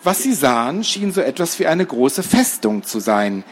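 A man reading a children's book aloud in a lively, expressive way. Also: fairly high pitch, moderate pace, husky. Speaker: storyteller.

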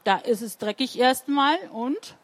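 Lady reading a kids' story aloud, asks the kids stuff, bit higher voice. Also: unhurried. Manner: questions the children, lively. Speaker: storyteller for children. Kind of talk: interactive read-aloud storytelling.

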